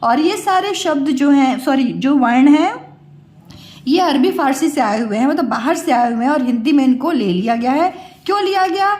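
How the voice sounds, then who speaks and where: A woman with a high-pitched, slightly mellow voice and lively intonation patiently explains Hindi spelling to children. She moves slowly, repeats words, and puts questions to the class, all recorded in an echoey room.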